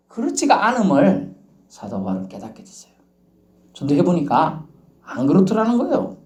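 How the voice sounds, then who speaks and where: A man preaching a sermon as pastor, telling lively folksy stories and acting out bits of dialogue. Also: high-pitched, echoey room. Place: church.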